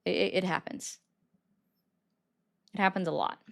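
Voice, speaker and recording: This woman speaks in a lowish voice with fairly even intonation and some vocal fry. She hosts a political call-in livestream, taking callers and arguing with them bluntly, quick to mock them.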